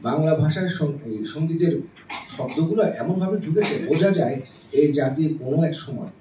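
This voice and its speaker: Heard from a distance in a roomy space with faint noise, a middle-aged man teaches music theory as a professor, frequently checking in with the class. His explanatory voice is on the high side and a little mellow.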